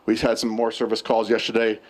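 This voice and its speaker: An American man, a night operations officer, giving a halting, matter-of-fact status report at a briefing. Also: lowish voice, monotone.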